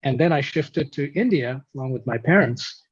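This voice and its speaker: A man's voice: mid-range voice, lively intonation, normal speed, slightly rough. A man from Kuwait, a guest in an interview, talking in a reflective, explanatory way over a video call. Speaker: guest musician. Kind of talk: conversational interview. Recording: dull, lo-fi call audio.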